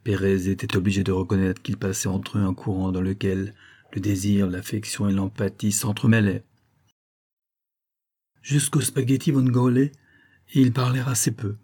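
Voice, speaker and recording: A man narrating a crime novel in a calm, measured reading. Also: on the low side. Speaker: audiobook narrator.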